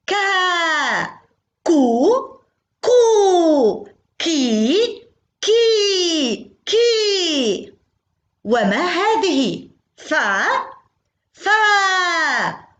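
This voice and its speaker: High, lively woman drilling phonics slowly. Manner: slow drilled syllables, sing-song repetition. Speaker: kindergarten teacher. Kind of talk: phonics lesson for young children.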